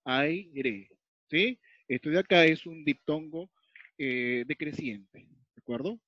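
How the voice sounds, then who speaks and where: Peruvian guy teaching grammar, kinda high voice, keeps going "¿ya?", dull dry lo-fi sound. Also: measured pace, no room sound. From Peru. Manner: explains step by step, repeats key points, checks in with frequent "¿ya?". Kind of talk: recorded grammar lesson. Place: at a whiteboard or tablet, writing as he talks.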